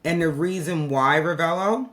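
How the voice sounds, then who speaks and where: A podcast host in a casual interview who talks emphatically, often repeating a point to stress it. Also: female voice, sits low, moderate pace. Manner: emphatic, agreeing, repeats phrases.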